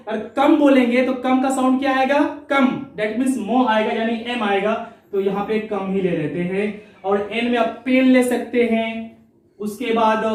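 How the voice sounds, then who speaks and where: A man teaches English sounds, repeating each word and answering his own questions as he goes. His voice sits high and rings around a very echoey room, heard from some distance off the mic. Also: a little mellow. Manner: explains step by step, repeats words, asks and answers himself. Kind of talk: online pronunciation lesson.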